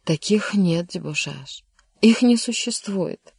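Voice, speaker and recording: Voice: mid-range voice, animated, slow, gravelly, a little mellow, breathy edge, no echo, studio quality, exaggerated voice. A reader voicing a melancholy, lovesick young nobleman in an audiobook, earnest and bitter. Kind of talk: audiobook character reading.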